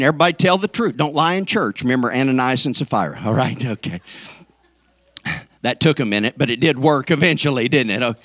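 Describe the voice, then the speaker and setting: A man's voice: medium pitch, a bit bright, no room sound. A man preaching a sermon to his congregation, folksy and joking, swinging up into emphatic peaks. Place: church sanctuary.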